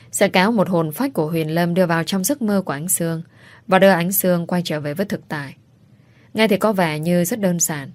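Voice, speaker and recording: A woman narrating a romance story aloud in a steady, emotive reading. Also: on the low side, no room sound. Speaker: audiobook narrator.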